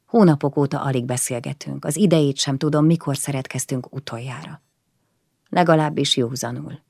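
Low, gravelly woman reading a novel. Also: dry recording, clean studio sound. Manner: quiet, introspective, measured. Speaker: audiobook narrator. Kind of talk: first-person novel reading.

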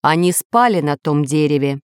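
A woman's voice: sits low, lively intonation, moderate pace, smooth, no room sound, studio quality. A woman voicing a talking mirror reflection in a storybook reading, answering hesitantly. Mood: uncertain. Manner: hesitant, uncertain.

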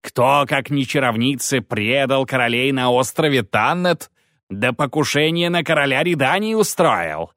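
A male narrator voicing a gaunt fanatical priest who preaches in a slow, drawn-out tirade in an audiobook. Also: mid-range voice, animated, a bit bright, no room sound, studio quality, voice pushed up. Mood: ranting. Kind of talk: audiobook character voice.

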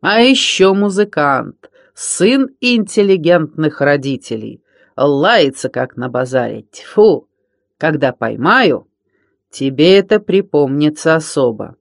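A man voicing a loud blustering space pirate villain. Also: a little high, slow pace, no room sound, studio quality. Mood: whiny, blustering. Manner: loud, bragging, whiny threats.

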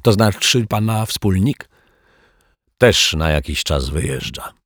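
A man doing a raspy slangy crook. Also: low-pitched, lively intonation, slow, a bit bright, no room sound, studio quality, full character voice. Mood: jovial. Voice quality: raspy chuckle. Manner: slangy, overly friendly. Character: coarse cheerful male small-time crook.

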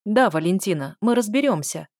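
A woman's voice: mid-range voice, animated, a little fast, a little mellow, dry recording, clean studio sound, natural voice. Hot-headed haughty young prince, read by a woman. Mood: self-important. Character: pompous young male prince, hot-tempered.

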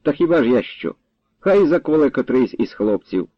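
A tired middle-aged village father who tries to calm everyone down, read by a male narrator. He speaks in a low, worn-out voice, and the recording sounds a bit muffled and dry. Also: moderate pace, dry recording. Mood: weary. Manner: tired, placating.

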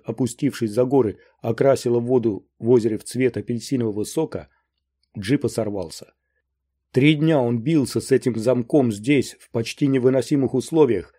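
A man reading a crime novel aloud as an audiobook narrator, in steady scripted narration. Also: medium pitch.

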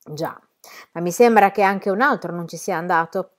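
A woman voicing a shy, lonely shopkeeper who grows lively in conversation, read from a novel. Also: lowish voice, normal speed, natural voice.

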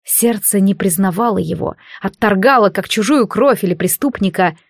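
A woman narrating a fantasy audiobook in a measured, dramatic reading. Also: medium pitch, no room sound, studio quality.

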